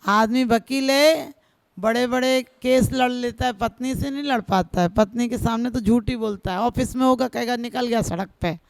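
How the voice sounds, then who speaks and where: A woman preacher, a Jain nun, giving a devotional sermon with a folksy, humorous touch. Her voice is gravelly, yet full and smooth, and it is heard dry and close. She builds her points in rhythmic, exhorting lists. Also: a little high, normal speed, no echo. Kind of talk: devotional sermon with folk stories.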